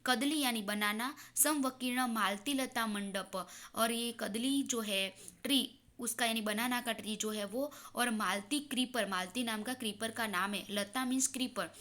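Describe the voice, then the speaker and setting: A woman teacher explaining a text line by line, reading each passage and then paraphrasing it slowly. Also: fairly high pitch, a bit bright. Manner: reads lines then explains them slowly, mixing English.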